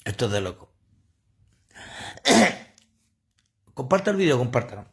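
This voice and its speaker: Man, preacher, livestream sermon, phone mic, husky, gravelly, lively delivery. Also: medium pitch, takes it slowly. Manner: preachy, animated, asides to viewers.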